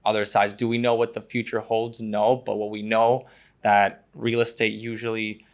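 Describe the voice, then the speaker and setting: A man's voice: on the low side, little pitch movement, moderate pace. A man from Croatia, a guest on a podcast, talking casually and hesitantly with many fillers and restarts. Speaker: guest, prospective investor.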